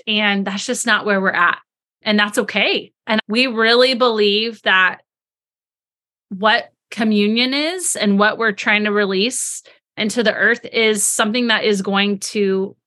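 A woman's voice: medium pitch, sharp tone. A woman co-hosting a podcast, talking earnestly and reflectively without a script. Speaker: podcast co-host. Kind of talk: unscripted podcast talk.

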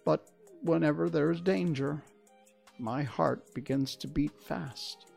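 A reader voicing a big, cowardly male lion in a storybook reading, speaking gently and mournfully with hesitant pauses. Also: medium pitch, creaky, faint music behind, pitched above the performer's own voice. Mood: sorrowful.

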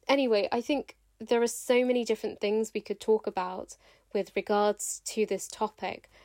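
A British woman, an author and actor, appears as a podcast guest offering reflective commentary. She speaks thoughtfully and articulately in a mellow, mid-range voice, recorded with no room sound.

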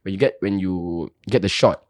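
A man's voice: deep voice, moderate pace, no room sound, clean studio sound. A young Singaporean man speaking colloquial Singlish with Malay slang, bantering casually and jokily as a podcast co-host. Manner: jokey, laughs often.

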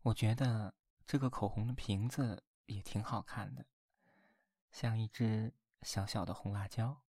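A man's voice: fairly low pitch, fairly even intonation, darkish tone, husky, no echo, studio quality. A man voicing a tender, teasing young boyfriend at bedtime in an ASMR role-play, murmuring intimately and coaxingly in binaural closeness to the listener's ear. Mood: playful, affectionate. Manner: slow, coaxing, playful. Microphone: very close binaural microphone, dry.

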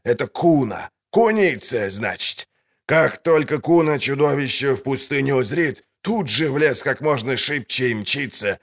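A man's voice: medium pitch, a bit bright, voice pushed up. A man voicing a boastful, crude male fairground showman with folksy huckster patter in an audiobook. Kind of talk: audiobook character voice.

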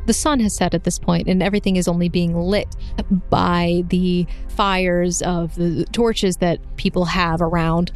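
Woman gm telling the scene for a tabletop game, descriptive, pauses a lot, faint music behind. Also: lowish voice, flat delivery. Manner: descriptive, pausing between phrases. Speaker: game master. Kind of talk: improvised tabletop game narration.

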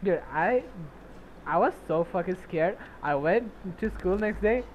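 A man's voice: sits high, animated, measured pace, a little hiss or hum. A young man, not a native English speaker, hosting a podcast and telling a crude story full of profanity and laughter. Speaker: podcast host. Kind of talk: casual chat.

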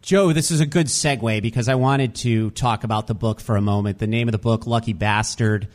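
A man's voice: fairly low pitch, steady tone, fairly quick, a little mellow. A man hosting an interview, earnestly praising a book and asking long, wandering questions. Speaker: interview host.

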